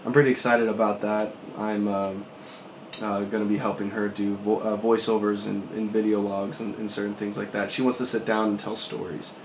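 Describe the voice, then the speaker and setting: Low-voiced man recounting dreams, roomy echo. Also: flat delivery, normal speed. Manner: rambling, profane, reflective dream recounting. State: voice worn out from recovering from sickness. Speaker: vlogger. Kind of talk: casual dream-journal vlog, recounting dreams. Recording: roomy echo, faint background noise.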